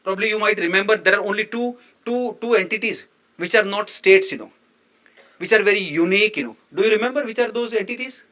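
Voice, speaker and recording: High, bright-voiced man lecturing as a professor. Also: fast talker. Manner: emphatic, repeats phrases, puts rhetorical questions to listeners. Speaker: professor giving a memorial lecture. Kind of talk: academic lecture in a lecture hall, partly off the cuff.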